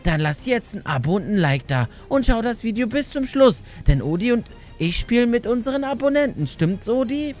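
A young man doing excited let's-play commentary as a gaming YouTuber, talking straight to his viewers with lots of exclamations. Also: very high-pitched, normal speed, faint music behind. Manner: animated, exclamatory, addresses viewers directly.

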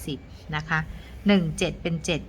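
A woman teacher patiently guides young students through a math lesson step by step, counting aloud and using polite particles. She speaks at normal speed over slight background noise.

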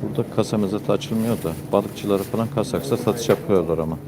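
Low-voiced man chatting amid heavy noise. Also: quick pace. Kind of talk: casual chat. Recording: very noisy market background.

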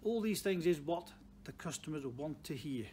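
A man's voice: on the high side, animated, moderate pace, mellow. A man in his sixties with a Stoke-on-Trent Potteries accent, giving plain-spoken, unscripted advice to camera as a car dealer, with emphatic repeated phrases. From Stoke-on-Trent, England. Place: large indoor car showroom. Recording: clear background noise, showroom ambience.

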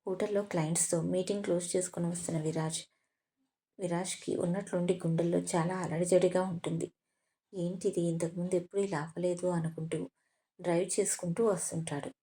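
A woman storyteller giving a steady, scripted narration of an audio drama story. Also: on the low side, a little fast.

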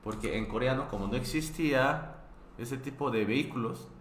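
A man from Korea, teaching a live online language class, patiently repeating words with frequent restarts and fillers. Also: medium pitch. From South Korea. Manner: patient, repeats each word slowly several times. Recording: echoey room with faint background noise.

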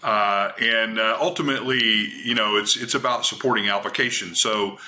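Middle-aged guy on a video call panel, lowish voice, really bright tone, lots of uhs. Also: steady tone. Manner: measured, hesitant with many fillers. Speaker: panelist from a cloud provider. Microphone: webcam on a video call.

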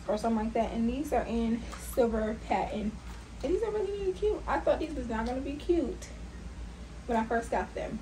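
A young woman, chatting excitedly to her viewers as she shows off her clothing haul. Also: on the high side, a little hiss or hum, poor audio. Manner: chatty, hyped, talks straight to viewers. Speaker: fashion vlogger. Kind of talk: casual haul vlog.

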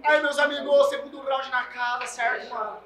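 High, bright Brazilian man hyping a rap crowd. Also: steady tone, moderate pace. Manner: loud, playful crowd hype. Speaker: battle host. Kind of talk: hyping a live rap battle. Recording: echoey, distant mic with faint crowd and beat.

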